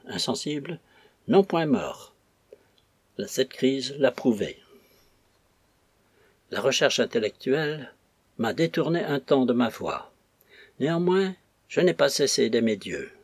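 A man's voice: medium pitch, sing-song, slightly rough, dry recording, full character voice. A man reading a composed, formal learned priest. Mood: measured justification. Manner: measured, formal speech. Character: learned priest, composed, embarrassed, self-justifying. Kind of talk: audiobook reading.

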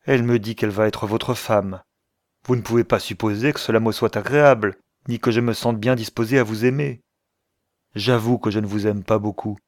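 A man's voice: fairly low pitch, no room sound, studio quality, lightly acted. A man reading the part of a hot-tempered, jealous young man who speaks bluntly and defiantly.

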